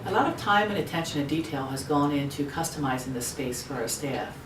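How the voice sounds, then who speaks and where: A woman's voice: deep voice, lively intonation, a little fast. A woman speaking in an orderly, matter-of-fact way as a project manager in a corporate video interview. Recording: roomy, distant mic, background noise.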